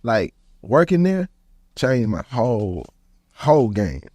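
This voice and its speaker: Man in his thirties, podcast host, animated slangy storyteller, medium pitch, dry close mic. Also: slow pace, dry recording. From Houston, Texas. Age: 30s. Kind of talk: casual podcast chat.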